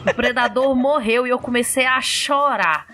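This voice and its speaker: A woman's voice: sits high, normal speed, sharp tone. A woman hosting a podcast, explaining things in casual chat and laughing often. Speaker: podcast host.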